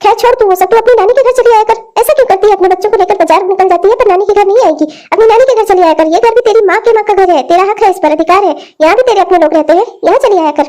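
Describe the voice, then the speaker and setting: A woman's voice: very high voice, very fast, hardly any pauses, mellow. A woman voicing an elderly cartoon grandmother who lectures her family and scolds her daughter. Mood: consoling. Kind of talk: cartoon dialogue acting.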